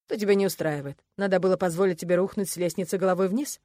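A woman voicing a calm, teasing young male student in an audiobook, speaking in an unflappable, dryly mocking way. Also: fairly low pitch, fast, no echo, clean studio sound, close to an everyday voice. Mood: smug teasing.

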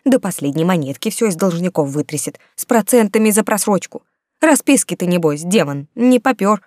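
Woman playing a loud scolding plump laundress. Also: medium pitch, dry recording, clean studio sound, voice pushed up, close to an everyday voice. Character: plump rosy gossiping laundress, fretful, quick-tempered.

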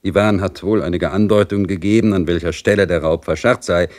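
A man's voice: low voice, fairly even intonation, fairly quick, darkish tone, no echo, clean studio sound, close to an everyday voice. A man doing a dutiful police chief.

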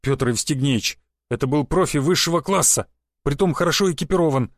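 A man voicing a grim, tight-lipped male secret police agent who reports in a flat, terse way in an audiobook. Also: on the high side, brisk, dry recording, clean studio sound, close to an everyday voice. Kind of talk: audiobook character voice.

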